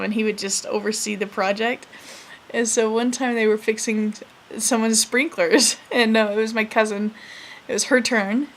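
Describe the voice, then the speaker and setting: A woman in her twenties telling family stories to camera in a soft, hesitant way, full of fillers and self-corrections. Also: medium pitch. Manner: laughs while recalling funny moments. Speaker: vlogger. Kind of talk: casual storytelling to camera.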